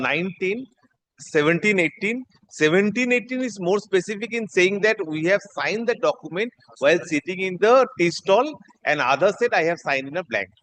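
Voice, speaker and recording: A man's voice: a little high, fairly bright tone, no room sound. A man with a Bengali Indian accent, a lawyer making deferential submissions to the bench in court. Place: indoor courtroom.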